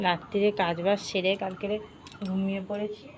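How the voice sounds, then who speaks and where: A woman vlogger with a hoarse voice from a cold, chatting softly and homely to her viewers from home, recorded on a phone. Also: medium pitch, little pitch movement, brisk, a little hiss or hum. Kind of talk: casual home vlog chat. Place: at home indoors.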